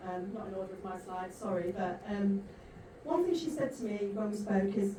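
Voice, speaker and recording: A woman moderates a panel in a large conference hall, making her points in an emphatic, rhetorical way with a medium-pitched voice at normal speed. The recording is noisy and picks her up from far off, with the hall's echo.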